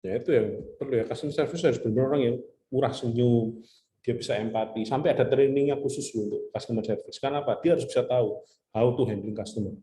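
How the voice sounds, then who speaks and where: A man's voice: mid-range voice, quick pace, warm tone, roomy sound, rough recording. A man giving a casual classroom lecture, chatty, mixing in English terms and telling anecdotes.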